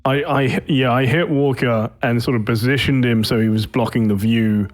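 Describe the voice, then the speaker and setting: A man's voice: mid-range voice, fairly even intonation, normal speed. A man playing a tabletop game, explaining his character's moves in a casual, hesitant way full of fillers. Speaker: player.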